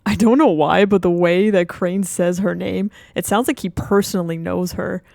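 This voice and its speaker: A woman's voice: on the low side, steady tone, normal speed, vocal fry, darkish tone, dry recording. A woman giving casual, enthusiastic fan commentary as a video host reacting to game audio.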